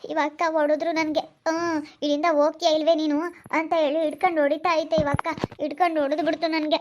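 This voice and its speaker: A woman's voice: sits high, level tone, quick pace, background noise, lightly acted. A woman voicing a tearful teenage niece who pleads her innocence in an amateur family drama. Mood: pleading. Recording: dull lo-fi sound.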